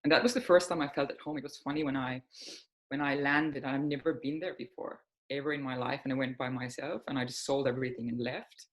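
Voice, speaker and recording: A Finnish woman in her forties, whose first language is Finnish, appears as a guest healing coach in a casual interview chat. Her voice rumbles low with fairly even intonation, and she talks fast on a low-quality recording. She comes across as reflective and open, using many soft fillers.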